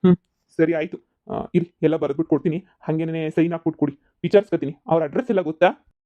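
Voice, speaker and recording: A man's voice: fairly high pitch, fairly even intonation, fast, warm tone, close to an everyday voice. A man voicing a patient, sympathetic police officer for a cartoon comedy. He speaks in a reassuring, matter-of-fact way. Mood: businesslike.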